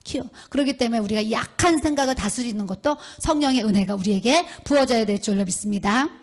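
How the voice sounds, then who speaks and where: A woman's voice: fairly high pitch, fast. A middle-aged woman, a pastor's wife, preaching a sermon as a storyteller who acts out the people she quotes. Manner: storytelling, acts out quoted speech with rising emphasis.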